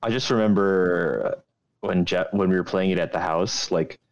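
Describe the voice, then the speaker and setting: A man co-hosting a podcast in casual chat, joking crudely in animated banter. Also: low-pitched, moderate pace, vocal fry, dull audio. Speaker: podcast co-host.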